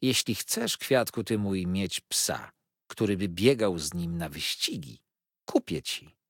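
A man's voice: sits low, expressive, slow, no room sound, studio quality, exaggerated voice. A man voicing an older aunt who talks cheerfully and soothingly to her niece. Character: older aunt, brisk, cheerful, fondly reassuring.

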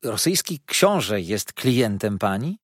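A man reading an audiobook, voicing an easygoing, amused young gentleman who asks relaxed questions. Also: fairly low pitch, takes it slowly, husky, no room sound, clean studio sound, full character voice.

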